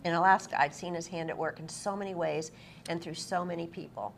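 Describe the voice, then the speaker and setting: On stage in a busy convention event room, a woman interviews a guest with effusive, affirming warmth and sometimes reads passages aloud from a book. Her voice is fairly low, steady and brisk, and the live recording is clearly noisy.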